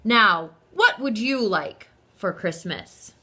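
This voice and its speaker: A woman voicing a big, jolly old Santa figure from a children's storybook, proclaiming in a booming, drawn-out way. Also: expressive, sharp tone, slightly rough, heavily acted.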